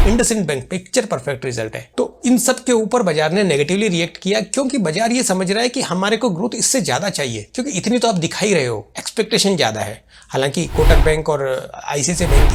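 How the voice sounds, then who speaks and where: A man's voice: on the high side, slightly rough. A man hosting a weekly stock market analysis, explaining in a conversational way with everyday analogies. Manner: conversational, thinks aloud with fillers.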